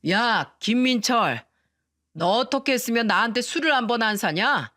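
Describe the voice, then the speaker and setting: A woman voicing a drunken, arrogant middle-aged man who bullies his brother-in-law, with slurred, condescending shouting in a dry, close recording. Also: a little high, animated, moderate pace, no echo. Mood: drunken bullying. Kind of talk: storytelling radio narration.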